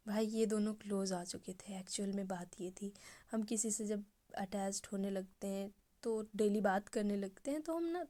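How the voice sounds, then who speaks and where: A young woman telling a romance story in a casual, chatty way, speaking the characters' lines softly. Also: mid-range voice. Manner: chatty, addresses listeners as bhai, acts out dialogue softly.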